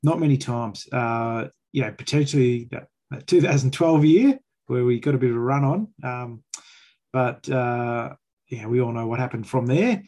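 A man's voice: mid-range voice, moderate pace, dark tone. An Australian man hosting a fan sports chat, giving critical, emphatic opinions in colloquial language. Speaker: fan podcast host.

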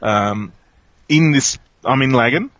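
A man's voice: mid-range voice, slow pace, a bit bright, dry recording. Dry, slightly muffled Australian man in a rainy car. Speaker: podcast co-host. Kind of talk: casual chat. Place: sitting in a parked car in rain. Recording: slightly dull, close car-interior sound. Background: rain falling on the car.

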